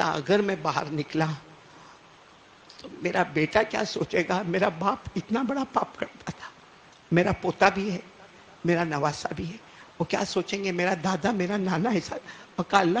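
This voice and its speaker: A man voicing an old sinner who quietly pleads for forgiveness in a hushed, pleading way. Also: high voice, slight background noise. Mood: pleading ashamed. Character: old male sinner, tearful and ashamed.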